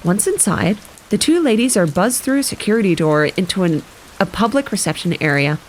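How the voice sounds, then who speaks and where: A woman's voice: medium pitch, animated, a little fast, slight background noise. A woman streamer reading a novel aloud on a live stream, often slipping and correcting herself. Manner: reads with frequent slips and self-corrections; breaks off to comment casually. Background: soft rain ambience.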